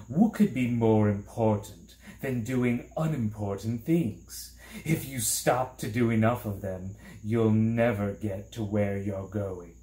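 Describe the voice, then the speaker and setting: Storybook villain: a man playing a menacing demon of drudgery, slyly coaxing, unhurried, in a roomy space. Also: on the low side, dark tone. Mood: sour. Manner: drawn-out, theatrical, deceitfully coaxing. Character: villainous male demon of petty tasks, sly and menacing.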